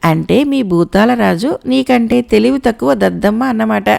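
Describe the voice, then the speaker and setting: Woman reading a scared, joking young sidekick in an audio storybook; slightly gravelly. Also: a little high, normal speed, a little mellow. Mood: nervous teasing. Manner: nervous, teasing talk. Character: timid, joking young male companion.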